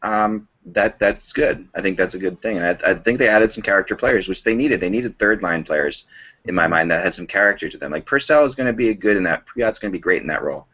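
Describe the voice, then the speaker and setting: Low bright male voice, podcast host chatting sports, rephrases stuff a lot, lo-fi call audio. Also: fairly quick. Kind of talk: casual sports podcast discussion. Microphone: remote online call. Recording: dull lo-fi online call audio.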